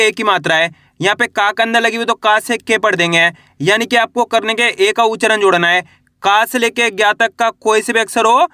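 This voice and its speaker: A man's voice: high voice, pushed and bright, dry recording, clean studio sound. A man giving a patient spoken reading lesson, repeating each sound and often checking that the learner understands. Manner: patient, repetitive, often asks "आ रहा है समझ में?". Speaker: Hindi reading teacher.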